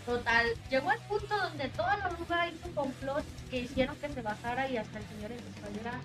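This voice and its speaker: A woman with a Mexican accent telling an animated anecdote in casual chat, full of slang. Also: high voice, a little fast, over music, low-quality recording. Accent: Mexican Spanish.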